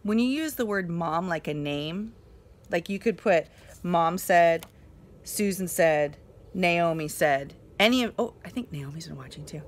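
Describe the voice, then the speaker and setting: A mother and teacher giving a slow, encouraging grammar lesson to young children, with fillers as she explains. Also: fairly low pitch, lively intonation.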